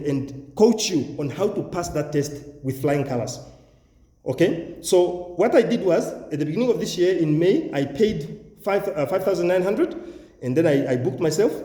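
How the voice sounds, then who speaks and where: A man's voice: fairly high pitch, warm tone. A man with a Namibian accent giving an informal promotional talk to viewers as a channel host, self-assured and boastful, repeating phrases for emphasis. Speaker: YouTube channel host, education agent and English test coach. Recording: echoey, reverberant room.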